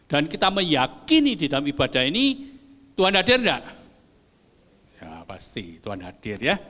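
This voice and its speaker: Older male pastor, bright high voice, playful preaching with long hall reverb. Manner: lively, joking with the congregation, mixing in Javanese. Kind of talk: sermon. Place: church hall.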